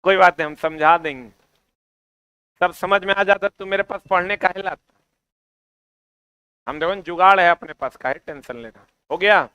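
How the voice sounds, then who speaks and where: A man's voice: sits high, normal speed, long pauses, pushed and bright, clear, resonant tone, dry recording, dull audio. A man with a Bihari accent teaching an exam-prep class in a chatty, teasing, coaxing way.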